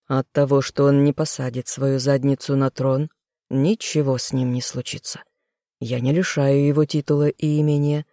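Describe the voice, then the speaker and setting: An audiobook reader voicing a weary, stern king who speaks calmly and condescendingly. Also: medium pitch, normal speed, no echo, clean studio sound, natural voice. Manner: calm, condescending, firm. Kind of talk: audiobook role reading.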